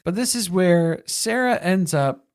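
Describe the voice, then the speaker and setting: Rambly cohost recapping a movie, mid pitch, dry little jokes. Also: expressive, unhurried, darkish tone, smooth. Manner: rambling, wry, drifts into side jokes. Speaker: podcast co-host. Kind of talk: casual movie recap chat.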